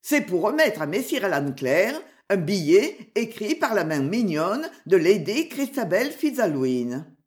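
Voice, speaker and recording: A woman's voice: medium pitch, sing-song, measured pace, darkish tone. A woman doing a bold young outlaw leader. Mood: commanding.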